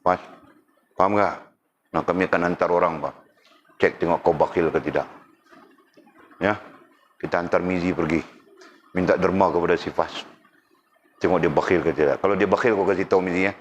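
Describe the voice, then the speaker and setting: Low-voiced man teaching a religious class. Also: steady tone, brisk, long pauses, slight background noise. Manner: keeps checking the class understands, teasing jokes.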